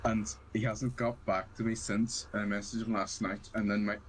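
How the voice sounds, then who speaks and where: A young man from Ireland chats casually, hesitant and full of fillers as his sentences trail off. His voice sits fairly low, with a faint room hum behind him. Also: flat delivery, normal speed, rough recording. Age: young adult. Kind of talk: casual chat.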